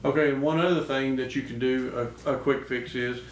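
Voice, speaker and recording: A man's voice: mid-range voice, fairly even intonation, moderate pace. A man hosting a show, giving casual, instructional talk. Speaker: host of a duck call show. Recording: echoey noisy room, distant mic.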